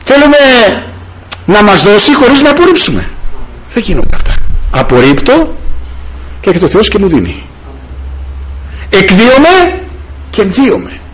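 Impassioned male preacher, lively pitch. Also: long pauses, slightly rough, low-quality recording. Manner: impassioned, rising and falling pitch, many hallelujahs. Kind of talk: sermon.

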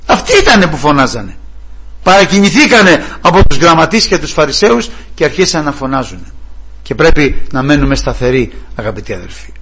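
A man preaching a sermon, impassioned, moving from loud cries to hushed pleading. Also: fairly high pitch, very animated, slightly rough.

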